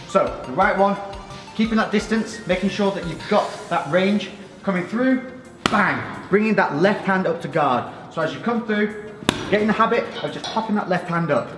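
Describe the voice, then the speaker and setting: Male boxing coach, slightly high voice, informal step-by-step workout instruction, reverberant space. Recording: echoey reverberant room with music.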